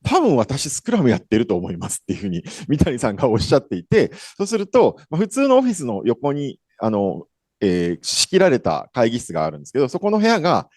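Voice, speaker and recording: A man's voice: medium pitch, huge pitch swings, quick pace, a little mellow, no echo, clean studio sound. A man hosting a conference keynote, introducing the speaker in a chatty, rambling way with many fillers and self-corrections. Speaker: event host. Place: conference hall.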